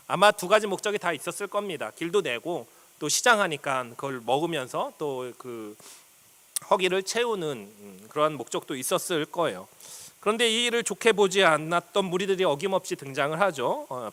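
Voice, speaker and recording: A man preaching a sermon as pastor. He explains step by step like a teacher, pausing on fillers, and reads scripture passages aloud. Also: on the high side, pushed and bright. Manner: reads scripture aloud and acts out quoted speech.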